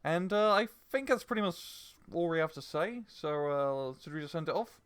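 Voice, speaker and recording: A man co-casting a strategy game replay, giving relaxed analytical commentary with many fillers. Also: on the high side, normal speed, a crowd in the background. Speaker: game caster.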